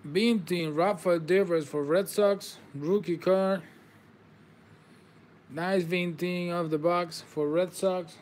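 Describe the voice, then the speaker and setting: Sitting at an indoor table stacked with card boxes, a man whose first language is Spanish hosts a live trading card break. His high voice is steady, slow, and somewhat dark in tone. He calls out players and congratulates viewers in slightly non-native phrasing.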